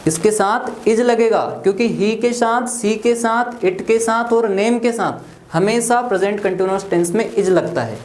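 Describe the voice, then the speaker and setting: In an echoey room with faint noise, a male teacher with a high voice lectures on English at a measured pace. He spells words letter by letter and regularly makes sure the students follow, saying "theek" and "clear hai" often.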